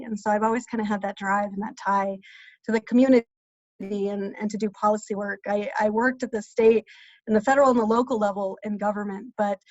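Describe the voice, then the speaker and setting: A woman's voice: medium pitch, dry recording. Earnest woman on a dull, dry call. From New Mexico. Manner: warm, earnest, with fillers like "you know". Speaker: policy advocate. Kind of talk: panel introduction on a video call. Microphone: video call. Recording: dull, lo-fi video call audio.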